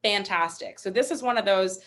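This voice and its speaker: A woman's voice: medium pitch, a little fast, fairly bright tone. A young woman instructor teaching a live online webinar, upbeat and encouraging, chatty with fillers. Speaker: MCAT instructor.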